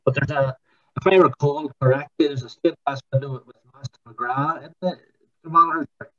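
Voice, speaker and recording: A man in a casual group discussion on a video call, talking haltingly and repeating words while his call audio breaks up and drops out. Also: on the high side, steady tone, sharp tone, dull audio, a little hiss or hum. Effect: call audio breaking up, dropping out. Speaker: society member joining an online talk.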